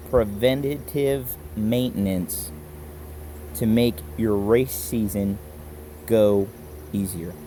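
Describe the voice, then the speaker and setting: A man with a Baltimore accent gives a casual, plain-spoken hands-on tutorial in halting, folksy phrases, talking to a handheld camera. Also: medium pitch, mellow, slight background noise. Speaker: instructor in a do-it-yourself tutorial. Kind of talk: casual hands-on how-to explanation. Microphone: handheld camera held while demonstrating.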